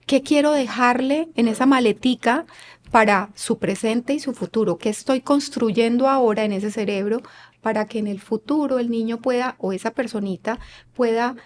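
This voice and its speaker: A fairly high-voiced woman talks as an expert guest in an interview. She sounds earnest and a bit like a teacher, slipping into quick acted-out lines of parents and kids. She keeps asking listeners "right?". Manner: earnest and didactic, acting out parents and children; asks listeners rhetorical questions. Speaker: guest expert on child rearing. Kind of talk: explanatory interview talk.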